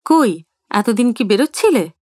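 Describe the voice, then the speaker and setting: A woman voicing a sharp-tongued older wife who scolds in an indignant way in an audio story. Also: fairly high pitch, sing-song, moderate pace, dry recording, clean studio sound. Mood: suspicious.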